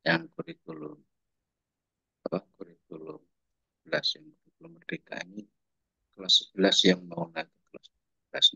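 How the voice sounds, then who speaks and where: A man, a high school teacher, asking a question during a webinar over a video call that glitches and breaks up, speaking in halting bursts as he searches for words. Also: big pitch swings, gravelly, bright, forceful tone, breathy edge, dry recording. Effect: choppy, glitching call audio that breaks up. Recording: dull lo-fi dry online call.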